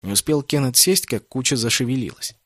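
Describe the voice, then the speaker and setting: A man reading a fantasy novel aloud as an audiobook narrator, in steady, even storytelling. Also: medium pitch, fairly quick, no echo, clean studio sound. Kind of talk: scripted narration.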